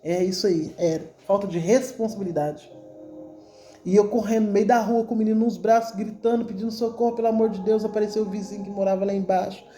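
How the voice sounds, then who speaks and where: A woman's voice: medium pitch, fairly even intonation, quick pace, dark tone, soft background music. A woman with a Brazilian Portuguese accent gives a religious testimony to her congregation. She repeats words often as she tells her story with feeling. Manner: emotional, repetitive storytelling addressed to the congregation. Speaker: church member giving a testimony.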